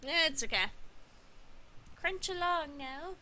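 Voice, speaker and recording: A woman's voice: sits high, expressive, takes it slowly, pushed and bright, a little hiss or hum. A woman chatting with her gaming group on voice chat, blunt and casually swearing. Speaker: gamer in a group.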